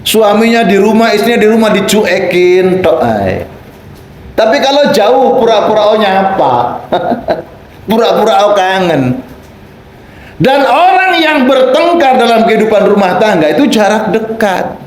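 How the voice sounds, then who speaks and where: Man, preacher, high voice, unhurried, playful sermon, echoey room. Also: sing-song, slight background noise. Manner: playful, acts out quoted voices, rising to shouts for emphasis. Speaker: Islamic preacher. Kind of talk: lively sermon with acted dialogues.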